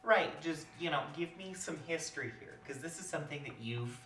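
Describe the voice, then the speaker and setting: A man hosting a casual podcast chat, high and relaxed, rambling with lots of fillers. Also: a little fast, reverberant, a little hiss or hum. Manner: laid-back, rambling with fillers. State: high on cannabis. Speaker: podcast host.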